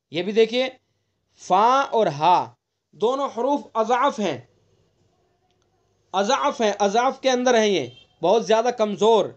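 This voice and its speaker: A man's voice: very high-pitched, muffled recording. A man teaching an online Quran recitation lesson, explaining patiently, repeating points and demonstrating letter sounds. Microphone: online class recording.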